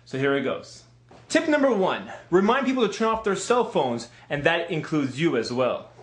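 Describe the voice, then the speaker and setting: A man's voice: on the high side, normal speed. A young man hosting a playful comedy sketch of tips. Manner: playful, lively delivery. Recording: echoey room.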